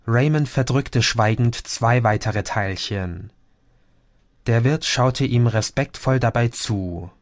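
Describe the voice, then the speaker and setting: A man narrates an audiobook in a calm, measured way, his voice sitting in an ordinary middle register. The recording is dry and close, with no room echo at all. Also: mid-range voice. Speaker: audiobook reader. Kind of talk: scripted narration.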